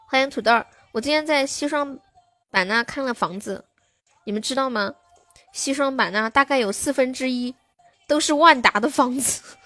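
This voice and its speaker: A young woman runs a casual live stream and answers viewer comments as they come in. Her voice sits a little above average, close to the mic in a dry room. Soft music plays faintly behind her. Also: high-pitched, no room sound. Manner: chatty, reads viewer comments aloud and answers them.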